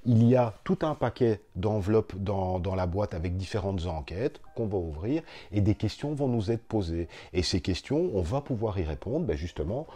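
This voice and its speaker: A man with a low, mellow voice talks through board games with lively enthusiasm. He sounds casual and playful as he explains the rules. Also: moderate pace, hardly any pauses. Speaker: board game reviewer co-host. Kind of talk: casual chat.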